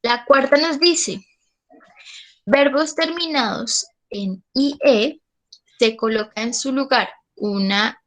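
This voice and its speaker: Profesora colombiana de voz aguda. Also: female voice, on the high side, takes it slowly, fairly bright tone, poor audio. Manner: explains patiently, checks in with "¿listo?". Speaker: English teacher. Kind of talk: online class explanation.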